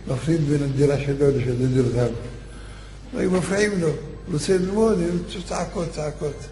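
A man's voice: fairly high pitch, mellow. A man giving a eulogy sermon, telling a story in an emphatic, fervent way. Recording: echoey hall, faint background noise.

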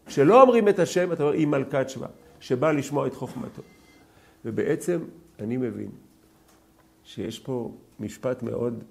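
A man teaching a scripture class, questioning his students and rising to loud, emphatic peaks. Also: medium pitch, vocal fry. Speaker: Torah teacher.

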